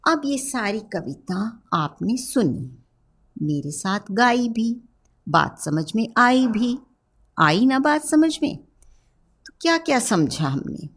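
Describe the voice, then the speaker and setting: Slow gravelly-voiced woman teaching children. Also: on the high side, very animated. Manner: slow, gentle, questioning children directly. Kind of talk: children's lesson narration.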